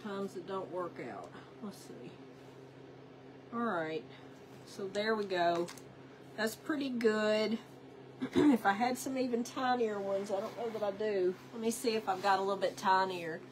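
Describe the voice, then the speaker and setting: Poor audio with a slight hiss or hum carries a mid-range, somewhat slow female voice. A craft livestream host congested from a cold, she chats casually while working, greeting viewers by name and talking to herself.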